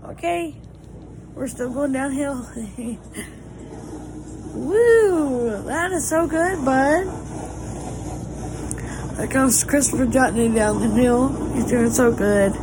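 Speaking slowly and pausing often, a Southern US woman talks casually to viewers of her family vlog. She drawls in a folksy, encouraging way over a noisy handheld recording with vehicle rumble in the background.

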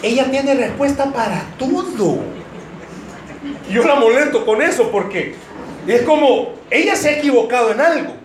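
High-voiced joking pastor. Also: male voice, lively intonation, normal speed. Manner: joking, addresses the congregation directly. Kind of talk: sermon to married couples. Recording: roomy hall, faint noise.

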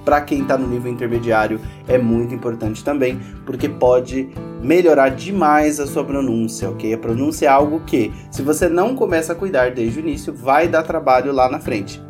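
A man's voice: medium pitch, normal speed, hardly any pauses, music in the background. A man whose first language is Portuguese, teaching English pronunciation in a lesson and patiently repeating each example word several times.

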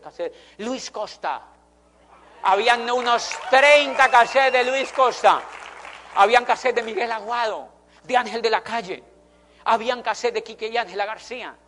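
A man's voice: high-pitched, fairly bright tone, a little hiss or hum. A middle-aged man, telling an emphatic motivational story to an audience and repeating phrases for effect. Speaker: motivational speaker.

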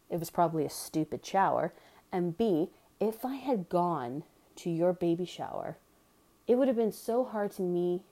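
A woman's voice: lowish voice, warm tone. A woman candidly telling a personal story in casual chat, blunt and chatty with sarcastic asides.

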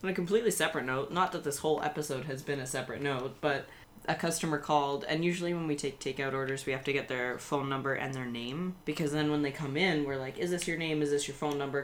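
Low-pitched young woman, casual podcast co-host, animated storyteller. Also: fast talker, slight background noise. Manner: animated storyteller acting out quotes. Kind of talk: casual chat.

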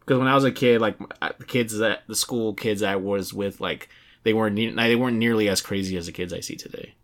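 A man's voice: on the low side, steady tone, a little fast, fairly bright tone. A young adult man hosting a casual video game podcast, talking in a rambling way with many restarts and fillers. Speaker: podcast host.

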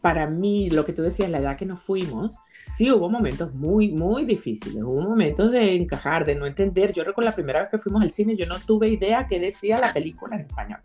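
A woman's voice: lowish voice, animated, a little fast, few pauses, dark tone, faint music behind. A woman from Venezuela with a Venezuelan accent, chatting casually and laughing often. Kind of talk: casual chat.

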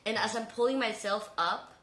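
A woman's voice: a little high, normal speed, fairly bright tone. A woman in her thirties chatting as a podcast guest, with frequent ums and self-corrections. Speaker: interview guest. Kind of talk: casual conversation. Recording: roomy echo.

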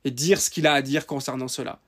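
A male preacher in an impassioned religious rant, swinging from loud emphatic outbursts to quiet sarcastic asides and repeating key phrases. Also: mid-range voice, steady tone, fast talker.

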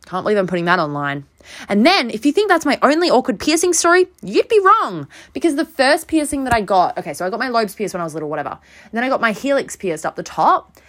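A young woman hosting a podcast, telling a rambling, self-deprecating story in a casual, animated way. She sounds overtired. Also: a little high, fast talker. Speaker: podcast host.

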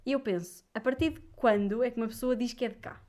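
A woman's voice: fairly high pitch, quick pace, a little mellow. A young woman from Viseu with a European Portuguese accent, ranting animatedly and casually to her viewers, full of little fillers. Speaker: vlogger. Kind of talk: casual chat.

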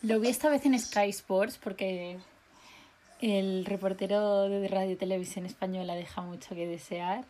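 Young woman podcasting, chatty and excitable, laughs a lot, medium voice. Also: mid-range voice, measured pace. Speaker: podcast co-host. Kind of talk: casual chat.

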